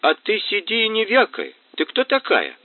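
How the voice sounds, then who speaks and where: A man's voice: high voice, wildly swooping pitch, moderate pace, no echo, pitched above the performer's own voice, exaggerated voice. A man voicing a drunk, rowdy thug who blusters coarse threats; tinny, dry recording. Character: drunk, rowdy middle-aged male thug. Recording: tinny phone-like band, dry.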